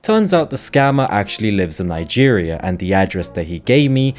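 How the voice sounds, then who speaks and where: A young man with a fairly low voice tells his story in a relaxed vlog style. He is chatty and wry, tossing in quick asides as he goes. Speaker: vlogger.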